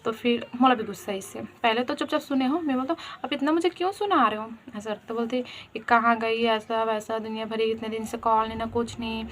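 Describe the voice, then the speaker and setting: A woman's voice: a little high, steady tone, fairly quick, hardly any pauses, slight background noise. A young woman with a Chhattisgarhi accent, telling a personal story to her viewers in a chatty, friendly way. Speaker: vlogger. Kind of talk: casual storytelling.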